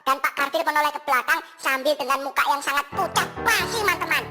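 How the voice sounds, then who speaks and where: A woman's voice: sits high, fast talker, lightly acted. A woman voicing a cheeky, reformed male cat who tells a children's Sunday school story in a playful, sing-song way with sound effects. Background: music.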